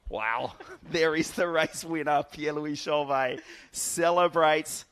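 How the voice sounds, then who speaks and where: Enthusiastic male lead commentator, live race call, slightly raised pitch. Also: fairly even intonation, measured pace, fairly bright tone, clear, resonant tone. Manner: enthusiastic, chatty, laughs easily.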